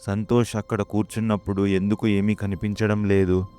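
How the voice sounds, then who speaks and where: A frightened young woman traveler on a night bus, read by a man in his own low voice. Her lines come out smooth and level, with faint music behind, as in a spoken horror story. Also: little pitch movement, moderate pace, warm tone, close to an everyday voice. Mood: uneasy. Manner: plainly read, barely acted.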